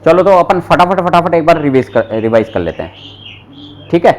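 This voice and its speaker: A man teaching a German class, slowly repeating each word for his students and asking them questions. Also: on the high side, sing-song. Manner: slow, patient, repeats words aloud for students; asks students questions directly. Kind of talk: live classroom lesson.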